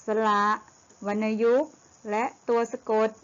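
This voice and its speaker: A middle-aged woman teacher with a slightly high voice, giving a lesson to young pupils. She talks slowly and patiently with many fillers. The audio is muffled and lo-fi. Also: level tone, smooth. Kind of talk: online primary school lesson.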